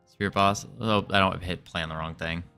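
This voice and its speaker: A man's voice: low voice, fairly quick, smooth, soft background music. A man streaming his game development, chatting casually with viewers and thinking aloud as he works. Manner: relaxed, chatty, greets viewers, muses while working.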